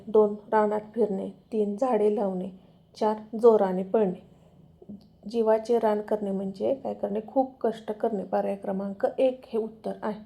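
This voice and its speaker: A woman's voice: medium pitch, gravelly, mellow. A woman teacher steadily reading quiz questions, options and answers for students.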